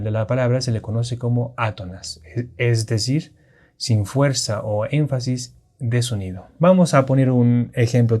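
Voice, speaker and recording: In a classroom lesson on Spanish grammar, a man explains accentuation patiently, often restarting his points and checking in with his listeners. He has a mid-range voice with a dark tone.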